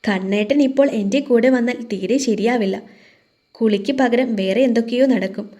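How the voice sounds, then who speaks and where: A woman's voice: on the high side, normal speed, dark tone, lightly acted. Woman playing a coy young bride. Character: shy, flustered young bride.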